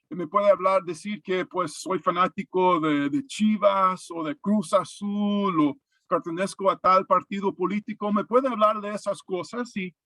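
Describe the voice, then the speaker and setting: A man's voice: sits high, a bit bright, no room sound. A man giving a devotional talk, earnest and questioning, often hesitating and repeating words.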